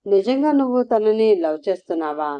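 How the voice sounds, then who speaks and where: A woman voicing a stern middle-aged mother who speaks calmly and directly in a storybook reading. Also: medium pitch, a little fast, dry recording, lightly acted. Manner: calm, direct, reproving. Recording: slightly muffled lo-fi recording.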